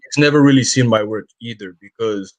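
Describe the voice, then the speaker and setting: A man from Bulgaria, a guest photographer, speaking in a halting, casual way on a video call. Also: medium pitch, no echo, lo-fi sound. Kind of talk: casual interview talk.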